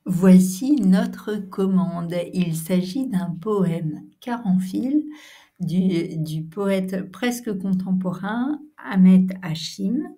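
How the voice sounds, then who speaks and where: A woman's voice: mid-range voice, very slow, warm tone. A woman with a French accent hosting her channel, narrating a workshop visit in a hesitant way, with many fillers and some whispered asides. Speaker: channel host.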